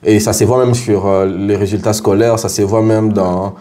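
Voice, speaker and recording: A man hosting a casual interview, often chiming in with quick agreement. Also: fairly low pitch, steady tone, warm tone. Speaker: host.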